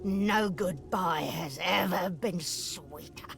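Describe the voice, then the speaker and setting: Game role: an anguished dying sorceress spirit, very slow, gravelly, desperate, over music. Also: female voice, fairly low pitch. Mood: relieved, bitter. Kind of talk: dramatic video game acting.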